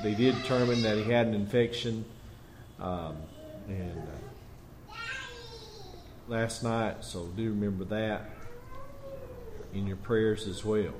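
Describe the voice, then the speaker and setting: A man leading a church service, stuffy from allergies, his voice muffled as if speaking inside a barrel, talking quietly and slowly. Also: lowish voice, background noise. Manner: quiet, slow, soft-spoken. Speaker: pastor. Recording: dull, muffled church recording.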